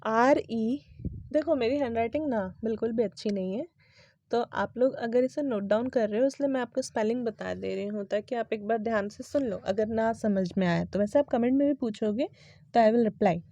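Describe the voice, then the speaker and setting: A woman's voice: on the high side, moderate pace, warm tone, dry recording. Woman teaching English pronunciation. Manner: explains patiently, spells words letter by letter, often asks "right?". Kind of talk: casual classroom explanation.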